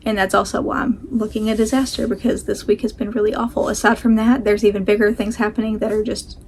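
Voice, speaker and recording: A woman's voice: mid-range voice, flat delivery, quick pace, a little mellow, a little hiss or hum. A woman chatting casually to camera as a vlog host, rambling and self-deprecating, talking with a sore jaw that slightly restricts her mouth.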